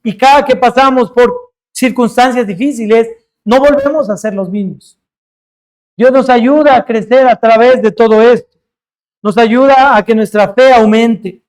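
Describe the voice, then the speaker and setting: A man preaching in a fairly high voice, earnest and emphatic as he works through a scripture passage. He stretches out important words and lets his voice fall away at the ends of points. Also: a little slow. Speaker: pastor. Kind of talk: sermon.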